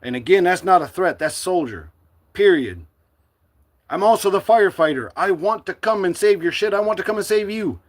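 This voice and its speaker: A middle-aged man from the United States speaking to his livestream viewers in a forceful, defiant, preachy monologue. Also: high voice, lively intonation, normal speed. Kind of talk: impassioned live-stream monologue.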